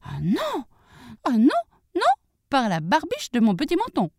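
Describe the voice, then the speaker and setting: A woman voicing a small, clever little pig in a children's storybook reading, with a high, squeaky, piping voice. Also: huge pitch swings, a little slow, a little mellow, dry recording, clean studio sound, exaggerated voice. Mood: pleading, defiant.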